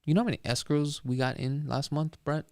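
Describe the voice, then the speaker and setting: A man's voice: a little high, fairly even intonation, brisk, darkish tone, no room sound, clean studio sound. A man hosting a casual podcast chat, laid-back and teasing, with lots of mm-hmms. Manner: laid-back, teasing, says mm-hmm a lot. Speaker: podcast host, realtor.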